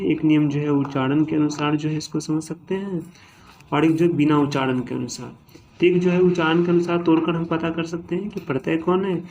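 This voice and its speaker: A man's voice: a little high, darkish tone, dull audio, slight background noise. A man teaching a grammar lesson, breaking words apart syllable by syllable and checking in with his students again and again. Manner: repetitive, frequent "ठीक है" and "है ना" check-ins. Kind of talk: classroom-style lesson.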